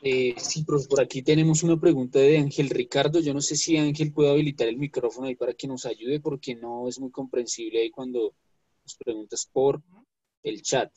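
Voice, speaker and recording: Husky-voiced male moderator on a call. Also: mid-range voice, steady tone, moderate pace, darkish tone, no echo. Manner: relays students' questions. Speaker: class moderator. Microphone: video call. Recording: dry, lo-fi call audio.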